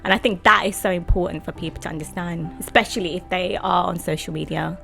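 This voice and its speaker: A chatty woman co-hosting a podcast, her voice sitting a little low for a woman. She talks conversationally and fills her pauses with "um" and "you know". Faint music plays underneath. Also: fairly even intonation, vocal fry, sharp tone. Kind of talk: casual podcast chat.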